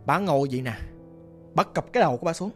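A narrator with a Southern Vietnamese accent telling a ghost story in a casual, animated, dramatic way, speaking straight to the listener. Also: mid-range voice, very fast. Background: faint music.

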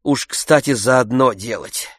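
A man doing a weary idle gentleman. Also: mid-range voice, takes it slowly, no room sound, clean studio sound, pitched above the performer's own voice. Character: idle weary middle-aged male gentleman.

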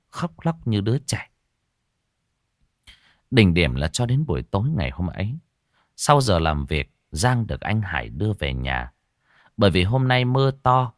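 A man with a low voice narrates a horror story dramatically. His pitch rises and falls widely as he tells it. The recording is close and dry. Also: dry recording. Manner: dramatic, expressive.

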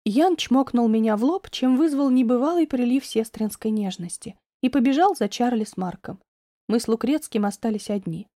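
A woman narrating an audiobook in the first person, reading in an expressive, emotional way. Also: fairly high pitch, normal speed, dry recording, studio quality.

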